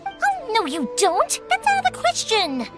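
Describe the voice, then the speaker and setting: A woman voicing a cheerful, eager young fireworks maker in a video game, expressive and chatty, with music playing behind. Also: very high-pitched, a little slow, full character voice. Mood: surprised, protesting. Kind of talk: scripted video game voice acting.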